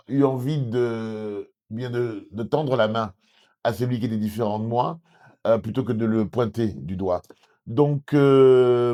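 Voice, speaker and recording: Earnest French man, halting interview answers. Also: medium pitch, a little mellow. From southwest France. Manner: earnest, many hesitations and restarts. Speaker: TV documentary presenter, interviewee.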